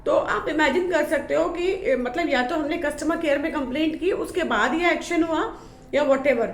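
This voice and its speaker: Chatty woman vlogger with a high voice. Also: moderate pace, roomy sound, slight background noise. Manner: chatty, filler-heavy, complaining about poor product quality; showing items while talking. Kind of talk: casual vlog talk to camera.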